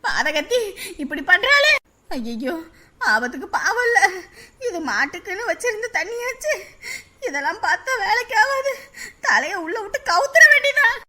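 A woman's voice: very high-pitched, big pitch swings, moderate pace, pushed and bright, full character voice. A woman playing a foolish village mother who wails and panics in a comic family drama. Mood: sobbing. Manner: wailing, frantic, comic.

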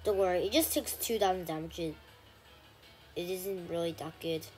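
A woman giving casual gameplay commentary, chatty with frequent ums and sudden excited shouts. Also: lowish voice, moderate pace, faint music behind. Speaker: gaming channel host.

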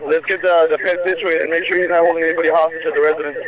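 A man's voice: a little high, little pitch movement, rapid-fire, a crowd in the background. A man speaking as a police officer in clipped, coded procedural talk over a police two-way radio. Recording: muffled lo-fi scanner radio, faint noise.

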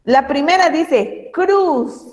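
A woman teaching a primary class of young children over a video call, patient and affectionate, reading words aloud slowly and with emphasis. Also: sits high, lively intonation, a little mellow, long reverb tail. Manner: affectionate toward pupils.

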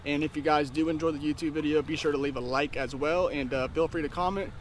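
Young man, eager outdoor vlogger, slightly high voice, action-cam sound with faint water noise behind. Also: fast talker. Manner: excited, chatty, says man and guys a lot. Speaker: fishing vlogger. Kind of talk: casual outdoor vlog commentary. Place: kayak on open water under a bridge. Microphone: action camera on chest and pole.

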